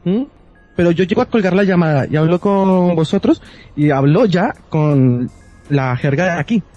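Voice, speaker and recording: A man's voice: sits high, expressive, moderate pace, darkish tone, highs cut off, soft background music. A man from Colombia with a Colombian accent, rambling and correcting himself as he explains things in a casual podcast chat. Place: Madrid.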